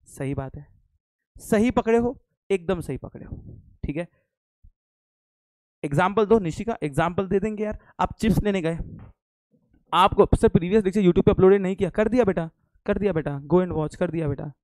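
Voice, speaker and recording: With no room sound, a young man in a high, darkish voice teaches commerce online live, pausing often at a moderate pace. Playful and teasing, he quizzes students, answers his own questions, and mixes English phrases into this joke-filled lecture.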